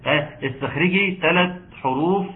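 Egyptian tajweed teacher on a tinny call. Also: male voice, on the high side. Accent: Egyptian Arabic. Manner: chants verses slowly, then explains rules quickly. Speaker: Quran recitation teacher. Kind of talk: online tajweed lesson. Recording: tinny online call audio.

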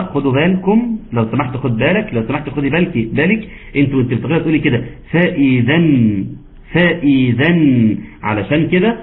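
Egyptian guy running a recitation class online, keeps quizzing the students, tinny call sound. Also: mid-range voice. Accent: Egyptian Arabic. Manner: questioning, teasing, patient. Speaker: Quran recitation teacher. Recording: tinny phone-like call audio.

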